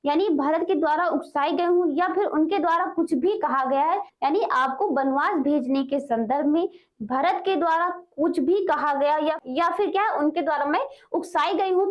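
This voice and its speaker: Female tutor, high-pitched, slow verse reading then plain explanation, muffled recording. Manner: repeats "ठीक है" and "क्या है" as fillers, reads verses slowly. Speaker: teacher. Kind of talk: explaining Hindi poetry for exams.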